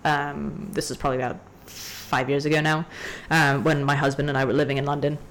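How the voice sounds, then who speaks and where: A young woman from Hong Kong telling a story in a casual podcast chat, ranty and animated. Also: deep voice, brisk, slight background noise. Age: young adult. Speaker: guest.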